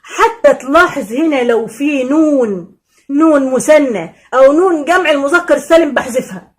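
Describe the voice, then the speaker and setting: An Egyptian woman teaching Arabic grammar in a casual, lively way, repeating key points and answering imagined student questions. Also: sits high, normal speed. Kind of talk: casual classroom explanation.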